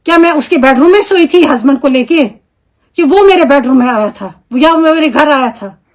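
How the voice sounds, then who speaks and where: A Kashmiri-accented woman with a high voice delivers an angry video statement. She scolds with indignation and piles up rhetorical questions. She speaks as a homemaker and mother. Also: lively intonation, moderate pace.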